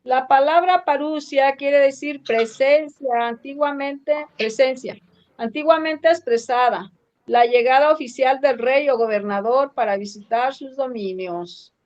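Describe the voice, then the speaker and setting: A woman with a Mexican accent reading scripture aloud slowly and carefully in a Bible study class. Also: high voice, a little mellow. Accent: Mexican Spanish. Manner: slow, careful reading with pauses. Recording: dull lo-fi sound.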